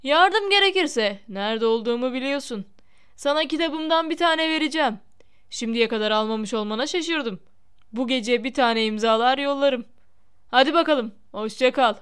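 A vain, show-off grown man, as a woman narrator puts him on, loud and self-important in a storybook reading. Her own smooth, clear tone stays underneath. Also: sits high, normal speed. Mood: boastful.

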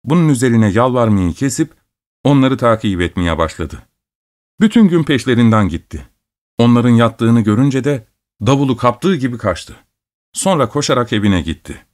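Male storyteller, mid-pitched voice, calm measured scripted narration of a folk tale.

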